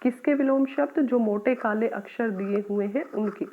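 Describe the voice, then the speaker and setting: A woman's voice: fairly high pitch, moderate pace, slight background noise. A woman teaching a children's grammar lesson, explaining patiently step by step and calling her pupils "beta". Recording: tinny phone-like audio.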